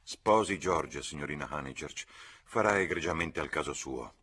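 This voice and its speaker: A man voicing a stiff male clergyman who talks in a low, austere tone in an audiobook reading. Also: animated, normal speed, fairly bright tone, slightly rough, full character voice.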